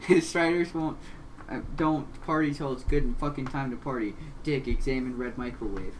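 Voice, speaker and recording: Animated co-host reading aloud. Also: medium pitch, moderate pace, a little hiss or hum, rough recording. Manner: animated, stumbles over words, bursts into laughs and exclamations. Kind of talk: casual read-along chat.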